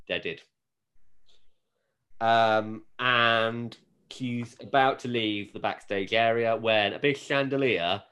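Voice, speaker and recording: A man with a lowish, fairly bright voice co-hosts a podcast, recapping a TV episode casually in a hesitant, amused, rambling way.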